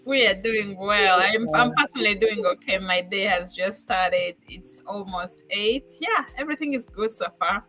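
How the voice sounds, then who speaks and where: A woman from Uganda introducing herself as a panelist on a live video chat, cheerful and steady. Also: mid-range voice, moderate pace, hardly any pauses, music in the background, poor audio. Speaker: guest panelist.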